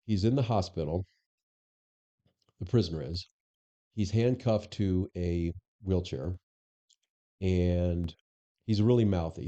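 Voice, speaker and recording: A middle-aged man with a deep, very dark and mellow voice tells stories as a guest. He acts out old conversations as he goes. The sound is a bit dull and lo-fi. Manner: anecdotal, acts out quoted dialogue. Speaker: interview guest, former police superintendent. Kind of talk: conversational storytelling.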